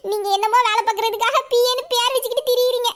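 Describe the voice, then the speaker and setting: A woman voicing a sharp-tongued young office assistant in an audio drama, grumbling asides under her breath. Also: very high-pitched, steady tone, very fast, noisy background. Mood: exasperated. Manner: grumbling asides, exasperated muttering. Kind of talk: Tamil audio drama acting.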